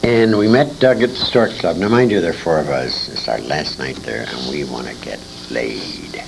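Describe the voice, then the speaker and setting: An American man in his 60s with a very low, gravelly voice is interviewed live at a radio convention, captured on a noisy amateur tape. The old-time radio veteran reminisces casually at a moderate pace, telling animated anecdotes with emphatic repetition.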